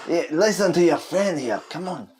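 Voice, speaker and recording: A man's voice: a little high, animated, moderate pace, a little mellow, pitched above the performer's own voice, lightly acted. A man voicing a casual, bossy stockyard owner in an offhand, commanding way. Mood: reassuring. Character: casual, bossy male stockyard owner bluffing his guards. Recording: noisy home recording.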